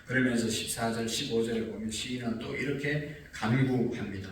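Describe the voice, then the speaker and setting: A man's voice: mid-range voice, normal speed. Male pastor, dawn sermon, earnest, voice in the middle range, distant mic in an echoing sanctuary with faint background hum. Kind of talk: early-morning sermon. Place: church sanctuary.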